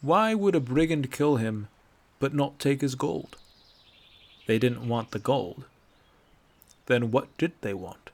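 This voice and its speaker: A man's voice: mid-range voice, lively intonation, slow pace, long pauses. A man voicing a sardonic old male Nord traveler with a dry, lecturing manner, in a read-aloud fantasy story. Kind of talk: audiobook character voice.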